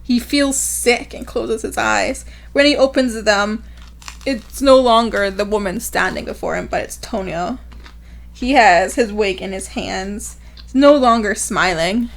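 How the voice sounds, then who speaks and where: Slow-reading young woman podcast co-host. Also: mid-range voice, vocal fry. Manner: slow, dramatic reading with giggles. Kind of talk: casual chat, reading novel passages aloud.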